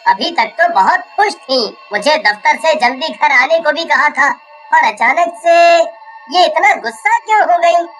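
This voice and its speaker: Storybook husband, young and earnest voiced by a woman: slow, serious warnings in a high voice. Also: expressive, fairly bright tone, faint music behind. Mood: puzzled.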